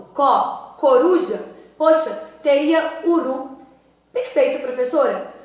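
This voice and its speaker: Lively woman teacher, echoey room. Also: high-pitched. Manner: lively and emphatic, calls out example words. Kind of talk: grammar lesson.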